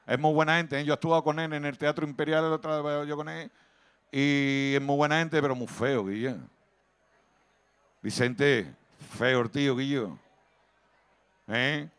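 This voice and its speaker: A man's voice: on the high side, steady tone, a bit bright, clear, resonant tone. Andalusian man doing stand-up comedy. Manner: chatty, teasing the crowd with rapid put-on voices. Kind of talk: live stand-up comedy at a street festival. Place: outdoor town square festival.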